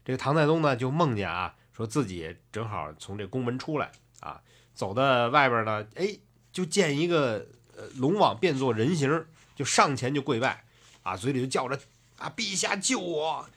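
A man's voice: mid-range voice, expressive, moderate pace, a bit bright. A man telling a classic tale in a chatty way, with many fillers and asides. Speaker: storyteller. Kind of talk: casual storytelling narration.

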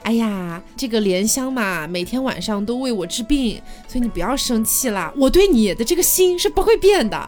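A woman's voice: a little high, lively intonation, normal speed, hardly any pauses, darkish tone, soft background music, close to an everyday voice. A woman voicing a lovesick, playful young male scholar who coaxes and teases. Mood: coaxing. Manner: coaxing and playful.

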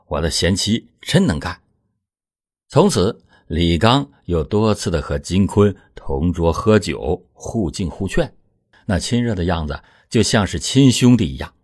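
Husky low-voiced male storyteller. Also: darkish tone. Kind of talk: dramatic true-crime storytelling.

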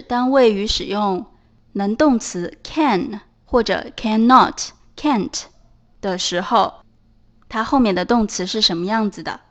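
A woman teaching a beginners' English lesson, explaining clearly and spelling words out letter by letter. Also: mid-range voice. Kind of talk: scripted lesson narration.

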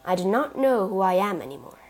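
A woman's voice: medium pitch, very animated, fairly quick, poor audio. Woman voicing a cold vengeful nobleman. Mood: cold, bitter. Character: bitter vengeful middle-aged nobleman, cold and grave.

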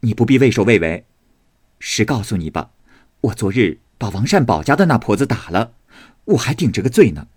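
A man voicing a proud, sharp-tongued young noblewoman who speaks scornfully and defiantly. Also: lowish voice, very animated, fairly quick, husky, no room sound, clean studio sound.

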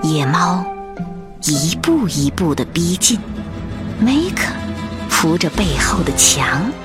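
A woman narrator presenting a children's fairy tale in expressive, scripted storytelling. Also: lowish voice, takes it slowly, music in the background.

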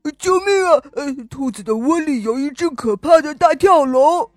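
A woman voicing a big bragging bear that panics quickly, grunting before its lines. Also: high voice, animated, a little mellow, no echo, studio quality, faint music behind. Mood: panicked.

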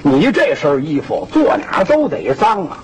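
A man with a Shandong accent voicing a kind, weary middle-aged male prisoner who speaks low and hushed, on a hissy old recording. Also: wildly swooping pitch, normal speed. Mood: earnest.

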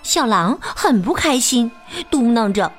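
A woman teacher reading a children's picture book aloud, expressive and sing-song with plenty of exclamations. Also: on the high side, unhurried, soft background music. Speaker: storyteller teacher.

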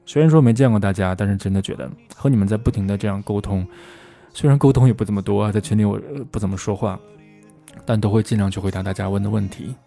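A man hosting a podcast who explains English pronunciation in a relaxed, chatty, rambling way. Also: lowish voice. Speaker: English teacher, podcast host.

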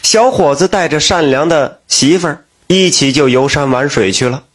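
A man narrating a folk tale in a lively, folksy manner. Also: on the high side, moderate pace. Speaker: storyteller.

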